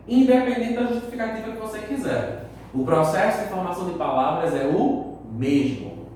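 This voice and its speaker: A male teacher giving a lesson, moving through each point slowly and checking in often with his students. His voice rises and falls a lot and sits a little high. He is picked up from a distance in a very echoey classroom. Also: darkish tone, a little hiss or hum. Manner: explains step by step, checks in with students.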